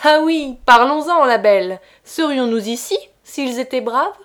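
A woman voicing an arrogant, drunk young Prussian officer who taunts loudly and fakes a clumsy accent. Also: mid-range voice, sing-song, unhurried. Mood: taunting. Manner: loud taunting, fake German-tinged pronunciation.

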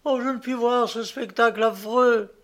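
A man voicing a terrified young maidservant, speaking in a high, pleading, drawn-out voice in an audiobook reading. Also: very animated.

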